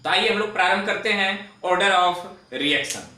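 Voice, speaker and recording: A man teaching a chemistry lecture on video, dictating definitions slowly and repeating them word by word. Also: high voice, sharp tone, roomy sound, distant mic, poor audio.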